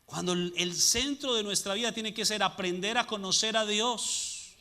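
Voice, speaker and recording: A man's voice: high voice, normal speed, sharp tone. A man preaching a sermon as pastor, asking the congregation rhetorical questions and answering them. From Latin America.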